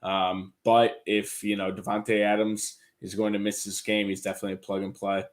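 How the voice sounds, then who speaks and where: Laid-back man with a lowish voice. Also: normal speed. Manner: relaxed, hedging opinions with ums. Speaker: podcast co-host. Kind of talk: fantasy football podcast chat.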